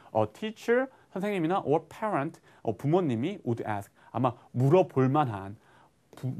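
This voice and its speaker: A Korean man teaching an English lesson, asking himself questions and answering them, and reading English phrases slowly before translating them. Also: medium pitch. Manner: lively explaining, asks and answers his own questions.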